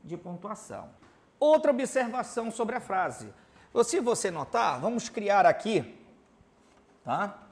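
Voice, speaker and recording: A man from Belém, Pará, Brazil, with a Paraense accent, teaches a Portuguese grammar lesson, writing examples on a board while he keeps asking rhetorical questions and ending lines with "tá?". His voice is high, sing-song and creaky, and he takes his time, leaving long pauses.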